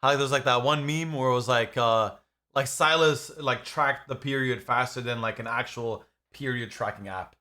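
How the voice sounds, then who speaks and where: A young man chatting casually on a livestream, with slangy, excitable talk and frequent swearing. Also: mid-range voice, normal speed. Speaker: streamer reacting to a video.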